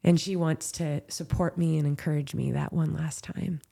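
Candid low-voiced woman telling a story. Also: steady tone, normal speed, vocal fry, dark tone, breathy edge. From Southern California. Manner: heartfelt, candid, lots of "like" and "you know". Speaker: professional trail runner, guest. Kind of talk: emotional storytelling in a podcast interview.

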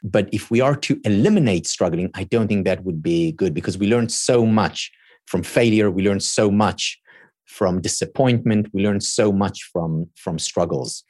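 Speaking in a low voice at normal speed, this Hebrew-speaking guest expert sounds a little mellow as he explains earnestly in a thoughtful interview. He builds his points with examples and circles back on words while thinking. The audio is dry and close, with no room sound.

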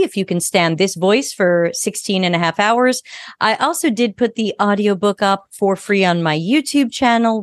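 A woman's voice: on the high side, dry recording. A woman speaking as a guest expert in a podcast interview, frank and a little sarcastic.

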